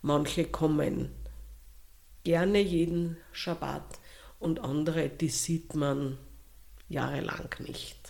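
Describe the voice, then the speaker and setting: Woman, Austrian accent, interviewee, slow deliberate delivery, lower pitch. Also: steady tone, gravelly, a little mellow. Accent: Austrian German. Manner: slow, thoughtful, with pauses and restarts. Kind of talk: interview answers.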